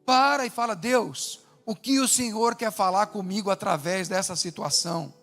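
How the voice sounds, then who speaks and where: Male pastor, lively preaching delivery, high voice, big reverberant hall. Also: normal speed, creaky. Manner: animated preaching with acted quotes, rising and dropping to a hush. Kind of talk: sermon. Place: large church hall. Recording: long hall reverb with faint music.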